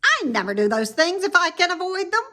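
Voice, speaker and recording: A woman's voice: very high-pitched, sing-song, a little fast, pushed and bright, voice pushed up, exaggerated voice. A woman voicing a crafty, gluttonous male rat from a children's storybook, with a sour, sneering manner. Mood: sour, boastful. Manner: scornful, sneering. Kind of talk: children's storybook read-aloud.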